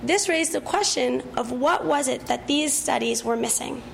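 A young woman with a hoarse, croaky frog voice, partly lost from talking, giving a scientific presentation as a graduate researcher. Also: sits high, normal speed, a little hiss or hum. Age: young adult.

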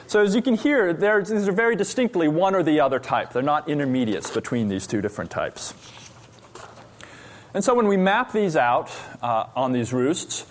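A man's voice: fairly high pitch, animated. Man giving an academic lecture. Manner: explanatory, pausing with frequent "uh" fillers.

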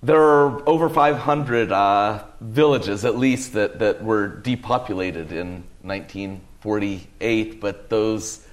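A man speaking on a panel as an English professor, deliberate, often repeating words as he searches for the right phrasing. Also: fairly low pitch. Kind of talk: panel discussion talk.

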